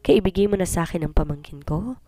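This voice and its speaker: An impatient, pushy man, as a woman reading the story puts him on, demanding and irritated as he argues. The voice sits rather low, and the recording is close and dry. It is told as a spoken storybook scene. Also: fast, warm tone, dry recording, lightly acted. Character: pushy impatient adult man, a child's uncle.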